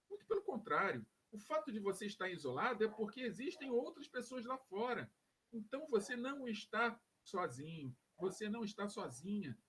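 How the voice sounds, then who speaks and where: A middle-aged male philosophy teacher from Brazil, speaking with a Rio de Janeiro accent. His voice sits high and a little husky. He delivers the lesson in a playful, motivational way, with lots of lift and fall. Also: fairly bright tone. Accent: Rio de Janeiro Portuguese. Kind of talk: recorded class lesson.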